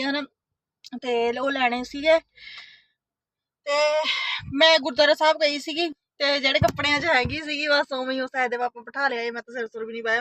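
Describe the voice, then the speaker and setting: Her high voice sounds pushed and bright as this thirtysomething Punjabi mom chats away to viewers of her family vlog. She habitually finishes sentences with "isn't it."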